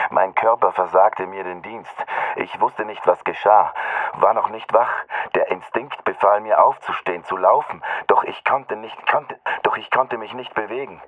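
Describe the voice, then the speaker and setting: A man narrates a dark first-person story in a grave, measured reading. His voice is very low and close, with no room sound. The sound is squeezed into a thin, phone-like band. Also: no room sound. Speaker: audiobook narrator.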